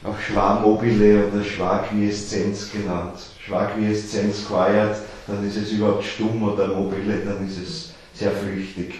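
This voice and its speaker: A man giving an explanatory lecture to a small group, often halting and repeating words as he explains. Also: fairly low pitch, level tone, darkish tone, a little hiss or hum. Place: lecture room with listeners. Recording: very echoey room.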